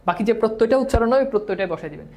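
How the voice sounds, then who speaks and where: A woman with a slightly high voice teaches grammar in a classroom lecture. She leads students through call-and-repeat drills and drops English words into her explanations. She corrects her own slips patiently as she goes. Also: lively intonation, racing, a little mellow. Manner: mixes English words into speech.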